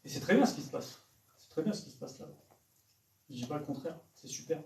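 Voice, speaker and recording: A man's voice: on the high side, animated, brisk, vocal fry, slight background noise. A man preaching to young people, pressing them with direct questions. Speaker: evangelist preacher. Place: church hall. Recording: echoey church hall, from far off.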